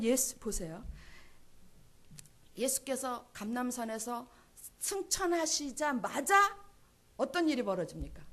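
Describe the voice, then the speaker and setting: A woman preaching a sermon at a church service, emphatic and full of rhetorical questions. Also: a little high. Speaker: pastor's wife preaching.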